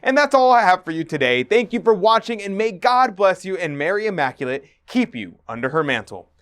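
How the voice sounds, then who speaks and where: A man's voice: sits high, very animated, brisk, a bit bright. A man hosting and narrating in an earnest, preachy scripted manner. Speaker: host.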